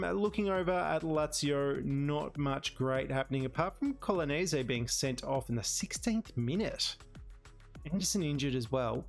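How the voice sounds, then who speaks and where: A man commentates casually on a football management game, reading out results in a conversational way with wry exclamations. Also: fairly high pitch. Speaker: host of a gaming series.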